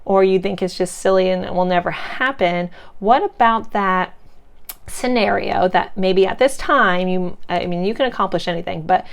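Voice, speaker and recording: A woman with a medium-pitched voice and vocal fry gives a casual pick-a-card tarot reading at normal speed. She is chatty and reassuring, loose with many fillers, and her voice sounds congested and cracks from sinus trouble.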